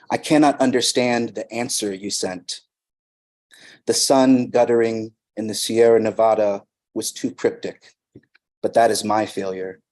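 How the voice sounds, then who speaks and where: Male poet, lower register, unhurried measured reading at a public reading. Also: darkish tone. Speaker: poet reading his work. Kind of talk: poetry reading. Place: arts center reading event.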